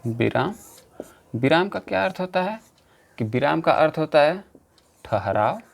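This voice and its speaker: A man teaching a grammar lesson for exam preparation, slowly, repeating key terms and explaining step by step. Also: on the high side, very animated, vocal fry. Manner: slow, repetitive, explaining step by step.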